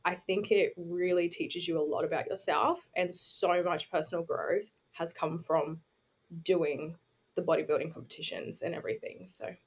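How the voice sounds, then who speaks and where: Here a New Zealand-born woman in her 20s, raised on the Gold Coast in Australia, appears as a podcast guest and bodybuilding competitor, casually recounting her own experiences. Her fairly low voice has a breathy edge, a steady tone and a moderate pace.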